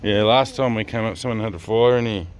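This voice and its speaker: An Australian father films outdoors in seaside sandstone caves on a handheld phone, relaxed and easygoing as he chats with and teases his sons for a family vlog. His fairly low voice is brisk, heard over a noisy crowd.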